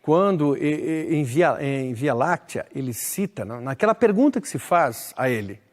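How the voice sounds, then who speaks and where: A man's voice: on the high side, lively intonation, moderate pace. A man teaching a literature lesson, explaining verse and addressing the listener directly with emphatic stresses. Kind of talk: recorded lesson. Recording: long hall reverb.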